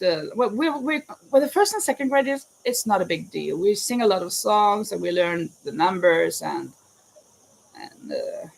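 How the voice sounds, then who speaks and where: The rough recording captures a medium-pitched voice with a Norwegian accent as a woman from Norway crochets live from her home in Spain, crickets audible outside. A crochet vlogger and teacher, she's chatty and a bit rambling, correcting herself as she answers viewers' questions.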